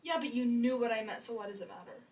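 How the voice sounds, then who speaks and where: A woman's voice: on the high side, quick pace. A young woman co-hosting a vlog, arguing her side of a casual debate with insistent emphasis. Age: young adult. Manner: insistent, argues loudly with emphasis. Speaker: co-host. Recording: voice a bit far from the mic.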